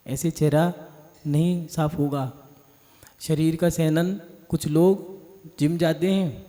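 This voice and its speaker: A man's voice: on the high side, dark tone. A man, a Jain monk, giving a Hindi sermon in a conversational way, full of rhetorical questions and everyday examples. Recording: long reverb of a large hall.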